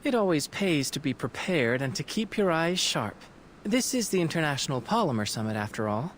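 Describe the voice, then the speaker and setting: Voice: mid-range voice, big pitch swings, brisk, a little hiss or hum, natural voice. An actor playing a sly, playful, confident scholar in a video game, with a wry, flowery, theatrical manner. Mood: sly, smug. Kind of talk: video game character dialogue.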